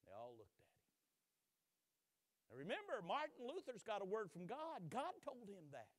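High, lively preacher man, dramatic swings. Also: normal speed, no room sound. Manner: dramatic, swings from hushed to thundering; acts out quoted voices. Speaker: pastor. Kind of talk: sermon. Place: church sanctuary.

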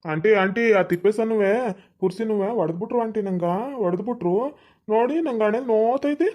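A woman's voice: mid-range voice, a little fast, lo-fi sound, lightly acted. A woman playing a whiny simple-minded young man. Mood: pleading. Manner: whining, childlike complaining.

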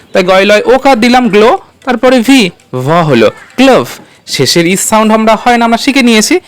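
Female tutor voice, mid pitch, patient and methodical, spells letters and quizzes the listener, faint music under. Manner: patient, spells out letters and poses quiz questions to the viewer. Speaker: English pronunciation teacher. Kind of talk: step-by-step spoken lesson.

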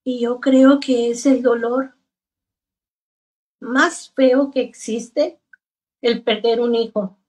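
A middle-aged woman, a grieving mother, telling her story slowly and haltingly in an interview. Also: on the high side, fairly even intonation, darkish tone, distant mic. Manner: slow, halting, heavy with grief. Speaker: guest, bereaved mother. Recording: voice from away from the mic.

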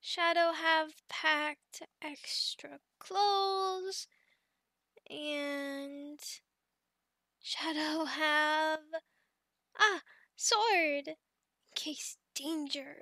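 A woman performs an ASMR roleplay as a young adult female goblin who is childlike, sweet, devoted and timid, speaking in short, halting bits of broken third-person speech. Her high, pushed, bright character voice is captured in studio quality with no echo.

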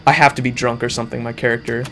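A man's voice: medium pitch, flat delivery, very fast, pushed and bright. A young man streaming a horror game in casual commentary, scared and jumpy, muttering and swearing often as he reacts. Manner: frequent swearing. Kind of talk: casual let's play commentary. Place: indoor room at home, webcam view. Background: game music.

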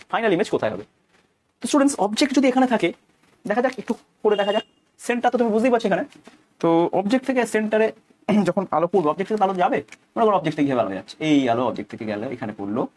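A man's voice: sits high, darkish tone. A man with a Bengali accent teaching a physics lesson, talking through each step aloud, repeating phrases and asking his students questions.

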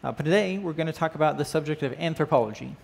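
Speaking in rapid-fire bursts, this man has a fairly high, creaky voice with a slightly mellow quality. He's teaching a church class, beginning with a prayer, on an indoor church stage crowded with band equipment. His style is relaxed and conversational, full of questions to the class and plenty of "uh" and "right?"

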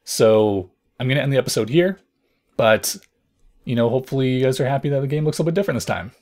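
Hoarse, gravelly-voiced man teaching code. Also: mid-range voice, fast talker. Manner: thinks out loud, hesitant explaining. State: hoarse from lost voice. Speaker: programming tutorial host. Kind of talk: casual coding tutorial.

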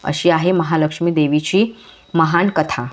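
Low-voiced woman telling a devotional tale. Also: steady tone. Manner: measured, rhythmic short phrases. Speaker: narrator. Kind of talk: devotional story narration.

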